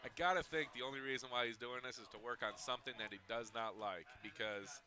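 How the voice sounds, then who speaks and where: A man giving color commentary on a high school football game, chatty and analytical, with easy laughs. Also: fairly even intonation, fast talker, sharp tone.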